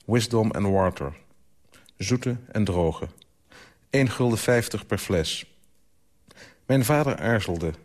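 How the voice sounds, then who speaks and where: An author reading his own literary story aloud for radio, in a calm, measured way. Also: fairly low pitch.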